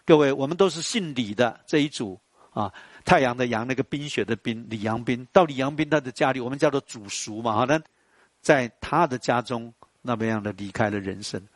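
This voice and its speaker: A man, lecturing a class in an animated, storytelling way and putting questions to the audience. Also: medium pitch, fairly quick, dry recording.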